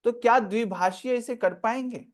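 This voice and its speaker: A middle-aged man, a former judge teaching law in an unhurried classroom lecture full of anecdotes and questions to the class. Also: very high voice.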